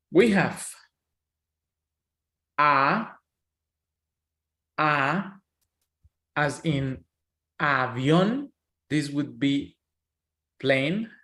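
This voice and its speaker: Slow, patient Colombian man teaching. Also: fairly high pitch, echoey room. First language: Spanish. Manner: patient, checks in often with "okay?". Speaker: Spanish teacher. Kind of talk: online language lesson.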